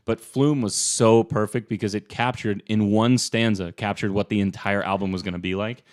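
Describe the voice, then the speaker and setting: A man's voice: lowish voice, steady tone, normal speed, darkish tone. A man hosting a podcast in casual chat, rambling and swearing loosely with lots of filler words. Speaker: podcast host.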